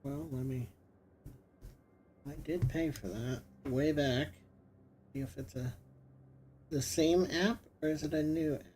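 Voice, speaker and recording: Mellow middle-aged man rambling about his game. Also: fairly high pitch, unhurried, pauses often, slight background noise. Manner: rambling, thinking aloud with fillers. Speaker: gaming streamer. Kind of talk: casual gameplay commentary.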